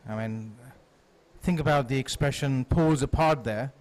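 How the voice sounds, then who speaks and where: A man giving live cricket commentary in a measured, analytical manner. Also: medium pitch, darkish tone.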